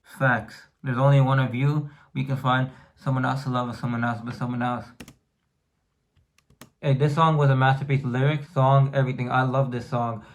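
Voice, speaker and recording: A man's voice: mid-range voice, little pitch movement, moderate pace. A man hosting a music reaction video, talking in hyped, slang-filled casual commentary that answers the song lyrics. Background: song playing underneath.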